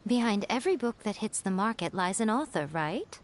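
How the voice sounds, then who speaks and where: A woman voicing a sly, playful fox-spirit priestess in a game who teases with soft laughs. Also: medium pitch, big pitch swings, a little fast, lightly acted. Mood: knowing. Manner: teasing, amused, laughs softly. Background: game music.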